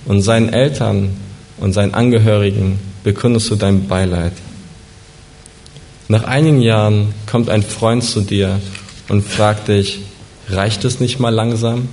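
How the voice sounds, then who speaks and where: Male storyteller, lowish voice, second-person narration, suspenseful and deliberate. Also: steady tone, darkish tone, slight background noise. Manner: vivid, suspenseful, slows down for dramatic moments.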